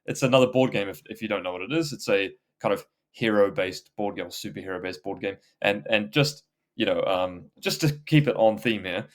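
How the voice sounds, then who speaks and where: A man with a fairly low voice chats loosely on a gaming podcast. He rambles, restarts his sentences and laughs easily as he talks. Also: brisk. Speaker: podcast co-host. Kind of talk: casual gaming chat.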